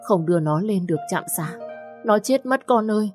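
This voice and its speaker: A woman's voice: medium pitch, animated, moderate pace, a little mellow, faint music behind, lightly acted. A woman voicing a desperate poor old father who begs through tears with a trembling voice. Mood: pleading. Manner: trembling, sobbing, begging.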